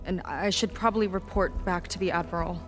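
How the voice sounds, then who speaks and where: A woman's voice: lowish voice, steady tone, fairly quick, natural voice. A woman as Seika, blunt guarded young warrior. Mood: sober, doubtful. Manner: blunt, terse, emotionally weighted. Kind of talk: naturalistic cinematic video game acting. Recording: music under the voice.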